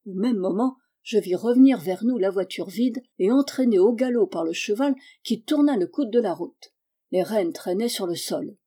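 A woman reading a story aloud as an audiobook narrator, in a measured, even way. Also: medium pitch. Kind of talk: scripted narration.

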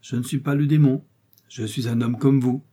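A man's voice: mid-range voice, fairly even intonation, normal speed, warm tone, lightly acted. A man voicing a sinister, mocking man in a red coat, speaking with cold scorn in an audiobook reading. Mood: scornful.

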